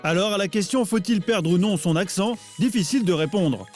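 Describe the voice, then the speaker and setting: A man reading a scripted voice-over narration for a documentary in a measured, storytelling way. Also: high voice, darkish tone, soft background music.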